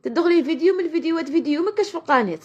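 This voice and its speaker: A woman's voice: extremely high pitch, lively intonation, racing. A woman with a western Algerian Arabic accent, venting tearfully and in anguish in a personal vlog, repeating her phrases. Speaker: online video creator. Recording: dull lo-fi sound with loud-ish noise.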